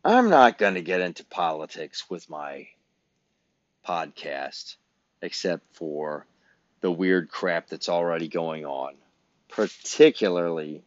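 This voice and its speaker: Deep, slow-talking profane man. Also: no echo. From Illinois, US Midwest. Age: 50s. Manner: blunt, profane, sarcastic. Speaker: podcast host. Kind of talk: ranting podcast monologue. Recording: dull, dry lo-fi recording.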